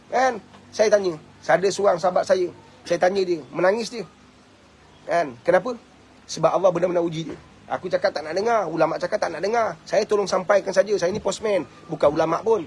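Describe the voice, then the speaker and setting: A man with a Malaysian Malay accent preaches in a high-pitched voice. He presses his points with rhetorical questions and firm emphasis. A faint background hiss runs under his talk. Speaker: madrasah owner and preacher. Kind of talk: religious talk.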